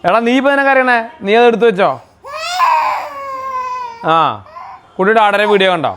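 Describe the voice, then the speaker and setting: A woman's voice: medium pitch, animated, moderate pace, background noise. Chatty woman vlogging her home cooking. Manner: chatty, mixes English into Malayalam. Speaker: family vlogger and home cook. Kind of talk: casual vlog chat and cooking narration. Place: home kitchen and dining area.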